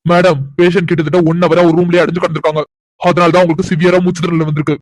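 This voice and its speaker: A man voicing a formal male doctor in a cartoon, measured and reassuring as he gives medical instructions. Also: sits high, flat delivery, dry recording, lightly acted. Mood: grave.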